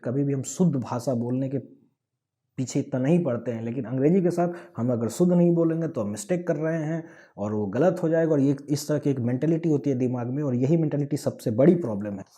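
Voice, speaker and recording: Bihari guy teaching english online, very dark mellow voice, explains w everyday examples. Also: mid-range voice, fairly quick. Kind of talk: online lesson lecture.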